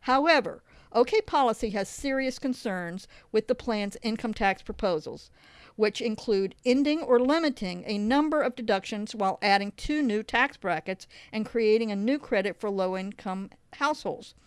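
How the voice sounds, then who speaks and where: A woman's voice: on the high side, animated, normal speed, clear, resonant tone, no echo. A woman hosting a political podcast, reading articles aloud and adding hesitant asides full of fillers. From Oklahoma. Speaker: podcast host.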